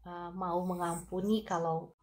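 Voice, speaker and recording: A woman's voice: fairly low pitch, little pitch movement, unhurried, slight background noise. Lady on a phone livestream praying hard for healing, repeating lines over and over. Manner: fervent, repetitive prayer chanting with soft asides. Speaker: livestream prayer minister. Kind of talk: live-streamed healing prayer. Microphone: phone for a live stream.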